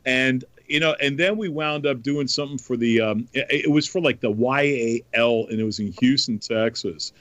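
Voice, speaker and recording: A man hosting a podcast in casual chat, telling stories in an animated way. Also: mid-range voice, moderate pace, few pauses, dry recording. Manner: animated storyteller. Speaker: podcast host.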